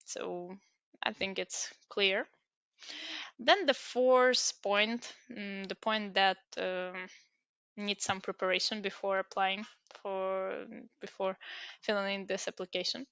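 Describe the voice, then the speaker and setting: A young woman, Ukrainian by native language, guides viewers through an online application step by step in a screen-recorded tutorial, pausing to hesitate and filling gaps often. Her medium-pitched voice is steady and slow, fairly bright, clear and resonant. There is no echo.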